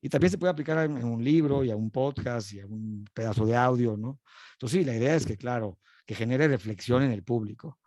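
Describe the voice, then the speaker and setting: A man's voice: mid-range voice, a little fast, a little mellow, dry recording, clean studio sound. A man with a Mexican accent, a filmmaker guest on a panel, speaking reflectively and ending phrases with a questioning tag. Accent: Mexican Spanish. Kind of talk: casual panel discussion.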